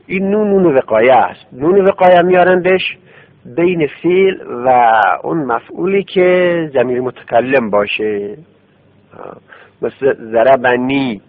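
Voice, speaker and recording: A man teaching Arabic grammar in a classroom lesson. He explains step by step and repeats words in drills. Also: mid-range voice. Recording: tinny phone-like radio recording.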